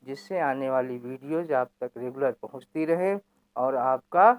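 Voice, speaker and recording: A woman's voice: extremely low pitch, normal speed, a little mellow. A woman teacher explaining a lesson, asking questions aloud and answering them herself.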